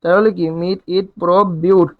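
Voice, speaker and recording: A man with a high voice teaches a chemistry lesson, asking his students questions and answering them himself. He counts aloud and talks in an easy, colloquial way. The sound is dry and close, with no room around it. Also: level tone, brisk, no echo, phone-quality sound. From Bangladesh. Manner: colloquial, dialect forms. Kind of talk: recorded lecture at a board.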